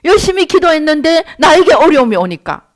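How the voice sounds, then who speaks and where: A middle-aged woman pastor preaching a sermon and telling her own story in an animated way, acting out her prayers. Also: sits high, brisk. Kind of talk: sermon with personal testimony.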